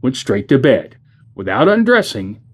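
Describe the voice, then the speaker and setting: Brief: adult man, mid-pitched, reads a classic story aloud, measured and dramatic. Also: wildly swooping pitch, breathy edge. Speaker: church reader.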